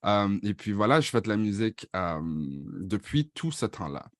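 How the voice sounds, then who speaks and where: A man's voice: on the low side, big pitch swings, normal speed, dry recording. A man in his thirties with a Franco-Ontarian French accent, introducing himself and his music in a casual bilingual vlog, switching between French and English with easy fillers. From born in Paris, raised in Ottawa. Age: 30s.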